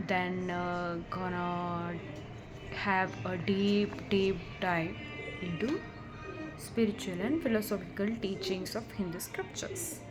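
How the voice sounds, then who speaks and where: A woman in a casual vlog, explaining scriptures with chatty, excitable asides and frequent restarts. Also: medium pitch.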